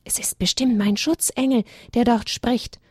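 An earnest, trusting young male animal from a children's story, as a woman reader puts him on. He speaks softly, a little high, with a husky, gravelly grain. The recording is dry and close. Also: steady tone, a little slow, no room sound. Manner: earnest, soft-spoken.

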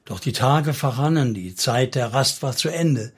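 A man narrating a solemn story in steady, scripted audiobook style. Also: medium pitch, unhurried, slightly rough.

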